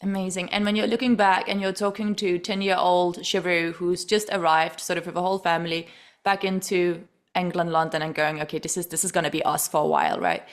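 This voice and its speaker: A woman's voice: lowish voice, brisk. Woman, from Denmark, podcast host, effusive, chatty, lots of restarts. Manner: effusive, many fillers and restarts. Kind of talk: warm interview chat.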